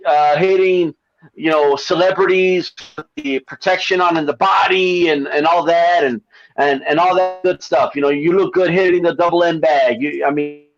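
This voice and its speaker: Man over a muffled CB-radio-like line. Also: fairly high pitch. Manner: halting, repeats his words and restarts. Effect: sounds like talking over a CB radio. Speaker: caller on a boxing talk show. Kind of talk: casual boxing chat.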